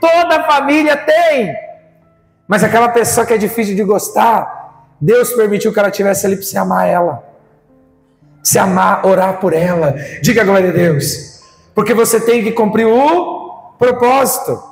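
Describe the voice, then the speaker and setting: A man's voice: high voice, normal speed, creaky, reverberant, in a large hall, soft background music. A man with a Brazilian accent preaching a sermon as pastor, firing rhetorical questions at the congregation. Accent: Brazilian Portuguese.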